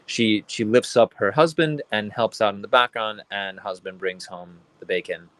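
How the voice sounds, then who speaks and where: A young man from Venezuela talks about his art in a casual interview, his voice sitting very low. He rambles and restarts often, reaching for words as he goes. The recording is dry and close, with no room sound. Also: normal speed, fairly bright tone, no echo. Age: young adult. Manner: rambling, many restarts and fillers. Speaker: artist guest.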